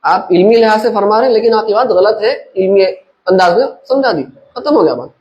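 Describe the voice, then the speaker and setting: A man leads a relaxed religious class, his voice sitting high for a man. He talks things through with homely examples and keeps asking whether his listeners follow. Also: a little fast, muffled recording. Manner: explains with everyday examples, checks understanding with listeners. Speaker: religious teacher. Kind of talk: conversational Islamic lesson.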